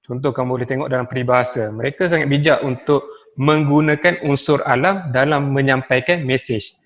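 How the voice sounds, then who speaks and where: A man with a Malaysian Malay accent teaching a lesson on poetry, spelling out rhymes slowly and reciting verses. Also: mid-range voice, fairly even intonation, in a large hall. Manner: slow, spells out letters and rhymes, recites verse with rising and falling intonation. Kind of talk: recorded classroom lesson on poetry.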